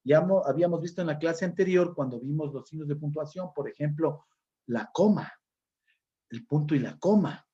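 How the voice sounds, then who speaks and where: A male teacher walks through punctuation rules, repeating examples and checking in with tag questions. His voice sits fairly high, and the recording sounds dull and lo-fi. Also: moderate pace, dark tone. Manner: explanatory, repeats points with frequent tag questions. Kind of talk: recorded school lesson on punctuation.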